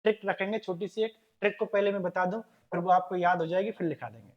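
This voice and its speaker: A male teacher with a Rajasthani Hindi accent, giving a loud, emphatic classroom lecture in a classroom and drilling words syllable by syllable. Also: high-pitched, fairly even intonation, fast talker, lo-fi sound. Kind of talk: classroom lecture with memory trick.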